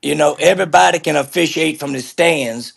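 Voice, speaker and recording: An older man with a gravelly, somewhat high voice recalls his years officiating. He speaks in an easygoing, halting way, circling back over his words. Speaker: guest sports official. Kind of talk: casual interview chat.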